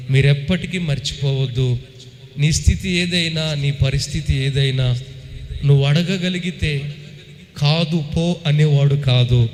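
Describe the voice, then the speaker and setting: A man's voice: mid-range voice, darkish tone, in a large hall, a little hiss or hum. A man preaching a sermon as pastor, emphatic, calling out to the congregation for responses.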